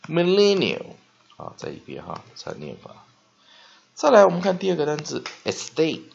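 A man teaching spelling and pronunciation, dotting his speech with "ah" and "ha" and slowly drawing out words to model them. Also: on the high side, wildly swooping pitch, creaky, slight background noise. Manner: frequent "ah" and "ha" fillers, slow drawn-out modeling of words. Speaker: English teacher. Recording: dull lo-fi recording.

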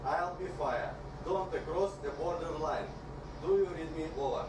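A man's voice: fairly high pitch, normal speed. A Russian-accented man, a native Russian speaker working as a coast guard radio operator, repeating stern warnings in broken English over a ship's radio. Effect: heard over a ship's radio. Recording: distant echoey radio audio with noise.

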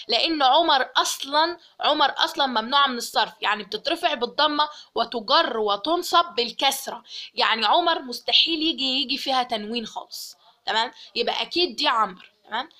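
A woman's voice: sits high, bright, forceful tone. A young woman with an Egyptian Arabic accent teaching a grammar lesson, explaining step by step and checking in with the listener often.

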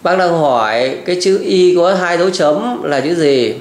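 A man's voice: fairly high pitch, animated, a little slow, reverberant. A man tutoring a child at home, firmly correcting and repeating model words. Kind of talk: pronunciation drill.

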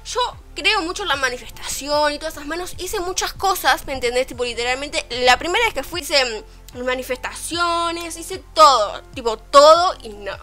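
A young woman with a Rioplatense accent, telling a story in a casual vlog, animated and swearing freely, quoting people as she goes. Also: high voice, moderate pace, soft background music. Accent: Rioplatense Spanish. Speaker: vlogger. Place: at home, her bedroom.

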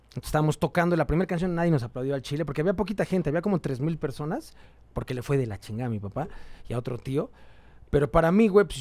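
Man, Mexican Spanish accent, somewhat high pitch, lively slangy storytelling, dry close sound. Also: no room sound. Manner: animated, slangy and profane, full of quoted voices. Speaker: guest musician. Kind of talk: casual storytelling.

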